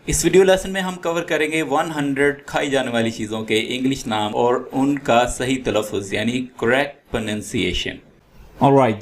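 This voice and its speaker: A man teaching English food words in Urdu, repeating each word slowly for learners to copy. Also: on the low side, a little mellow. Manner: slow, drilling words by repetition. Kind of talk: vocabulary lesson in Urdu.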